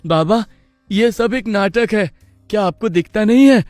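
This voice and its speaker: A man's voice: high voice, measured pace, darkish tone, no room sound, studio quality, soft background music. A man voicing a jealous, resentful young male calf in a cartoon story. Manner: bitter and resentful.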